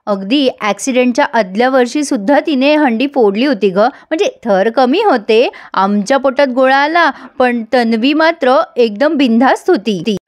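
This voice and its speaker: A woman's voice: high-pitched, lively intonation, normal speed, few pauses. A woman reading as a fond, firm mother-in-law. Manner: affectionate, turns stern. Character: caring middle-aged mother-in-law, firm.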